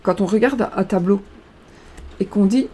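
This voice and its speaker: A woman's voice: medium pitch, unhurried, mellow, breathy edge. A woman reading fortune cards aloud in a casual tutorial, hesitant and stumbling over her words. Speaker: card reader.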